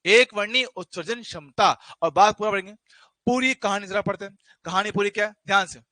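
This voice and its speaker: Joking physics teacher guy, bright sharp voice, dry close sound, keeps repeating stuff. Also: high voice, fairly quick, no room sound. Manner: jokey, teasing asides to students; repeats key phrases for emphasis. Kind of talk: classroom physics lecture.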